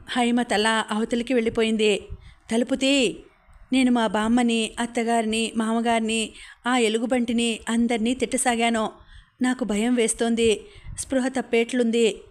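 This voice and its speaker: A woman narrates a novel in the first person, in a steady storytelling voice. Her voice sits a little high and stays level, with little rise and fall. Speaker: audiobook narrator. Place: home recording.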